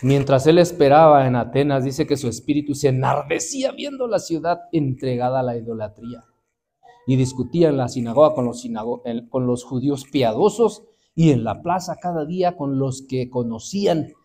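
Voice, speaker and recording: A man's voice: mid-range voice, animated, moderate pace, dark tone. A man, preaching a sermon and telling stories with acted-out quotes to the congregation. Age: 50s. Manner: storytelling, acts out quoted voices, addresses the congregation.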